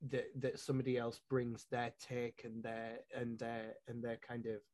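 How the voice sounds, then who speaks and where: A level, medium-pitched voice, a little mellow and at normal speed, belongs to a Yorkshire-accented poet and publisher from Yorkshire. He is being interviewed and speaks reflectively and discursively, often beginning again. The recording is dry.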